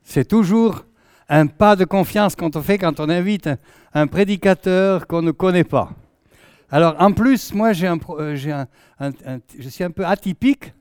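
A man's voice: sits high, normal speed, darkish tone, clean tone, dry recording, clean studio sound. A man in his sixties from southwest France with a southern French accent, a guest preacher chatting jovially through his opening anecdotes. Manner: chatty, jovial, often trailing off with "hein". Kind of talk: sermon introduction with anecdotes.

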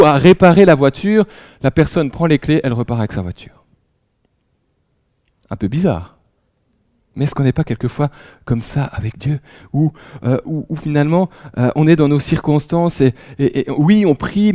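Hushed, mellow French preacher man. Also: on the high side, no room sound, studio quality. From France, raised in Alsace. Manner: drops to a hushed near-whisper for emphasis; many restarts, conversational storytelling. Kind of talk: sermon.

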